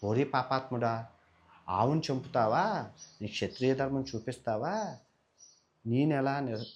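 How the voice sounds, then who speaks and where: A man's voice: medium pitch, unhurried, dull audio, lightly acted. A man voicing an angry, learned old male priest who scolds and lays a curse. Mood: furious. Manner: cursing, scolding.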